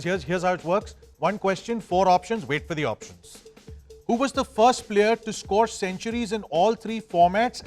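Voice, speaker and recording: A man presenting a quiz show in a chatty, informal, joking way. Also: high voice. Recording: music under the voice.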